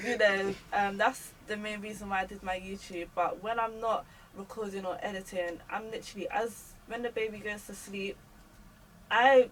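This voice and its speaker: A woman's voice: mid-range voice, steady tone, moderate pace, far from the mic, rough recording. A young woman, a guest chatting casually about motherhood with lots of fillers. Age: young adult. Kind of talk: casual chat.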